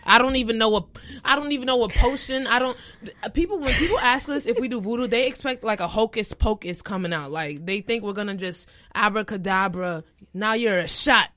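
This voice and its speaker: Brief: woman co-host, animated storyteller, dry close sound, quick emphatic bursts. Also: a little high, no room sound. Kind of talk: casual storytelling chat.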